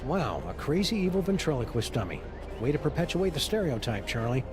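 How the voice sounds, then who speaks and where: A man voicing a calm, dryly witty dog detective in a video game, wordy and deadpan. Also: a little high, fairly quick, over music.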